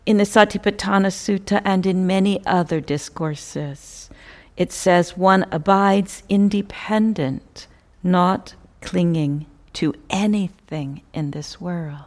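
Leading a guided meditation, this woman keeps a calm, reflective pace, pausing after each short phrase and letting her endings drift off quietly. Her pitch is fairly low and her intonation stays mostly even.

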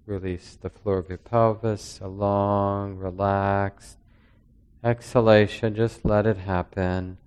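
A man leading a guided breathing meditation in a slow, soft-spoken, calming way. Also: fairly low pitch, clean tone. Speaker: meditation teacher.

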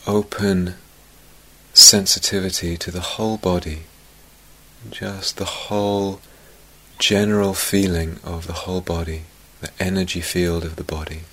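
Low-pitched and gentle, a man offers guided meditation instruction. His soft phrases come with long pauses and fade out almost to a whisper.

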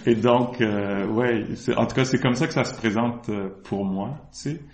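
A man's voice: medium pitch, steady tone, moderate pace, a little mellow, slight background noise. A man, a meditation teacher answering questions in a talk, reflective and hesitant, with frequent restarts. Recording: echoey room.

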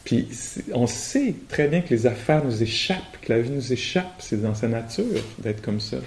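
A man with a Québécois French accent giving a relaxed, colloquial and humorous meditation talk at a retreat, often laughing. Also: mid-range voice, moderate pace, slight background noise. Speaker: meditation teacher. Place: retreat hall.

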